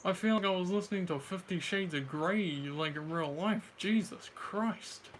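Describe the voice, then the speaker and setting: A man's voice: sits high, moderate pace, slight background noise. A man chatting casually with a friend about everyday things, in slangy, informal speech. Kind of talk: casual chat.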